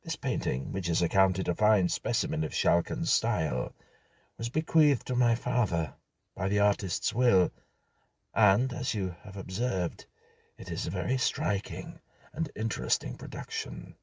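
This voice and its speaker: A man narrates a gothic tale audiobook-style, his low, gravelly, husky voice carrying a measured, dramatic, formal literary delivery. He sounds animated and a little mellow, with no echo.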